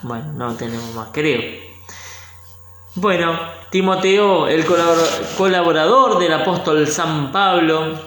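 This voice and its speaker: Priest guy, kinda high voice, slow and unhurried, echoey room. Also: a bit bright, a little hiss or hum. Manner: unhurried, pauses to look up verses. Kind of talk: informal teaching talk.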